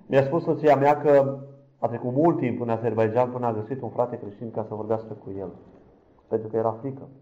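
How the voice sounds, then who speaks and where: Fervent preaching man, loud then hushed. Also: medium pitch, fairly even intonation, lo-fi sound. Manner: swings from loud fervent cries to hushed near-whispers; addresses the congregation directly. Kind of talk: impassioned sermon testimony.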